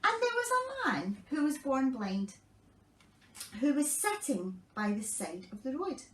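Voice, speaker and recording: A woman, a children's pastor telling children a Bible story in a lively, animated way. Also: sits high, a little slow, roomy sound, far from the mic, rough recording.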